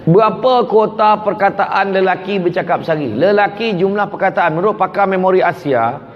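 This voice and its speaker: Playful Malaysian preacher, echoey hall. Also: male voice, sits high, brisk, lo-fi sound. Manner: playful, teasing, acts out characters. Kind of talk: humorous religious talk.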